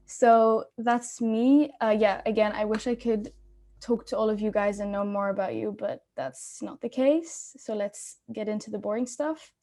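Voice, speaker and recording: A woman's voice: medium pitch, moderate pace, mellow. A young woman from Belgium, a student speaker, giving a casual, informal talk on a video call with many ums and restarts. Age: young adult.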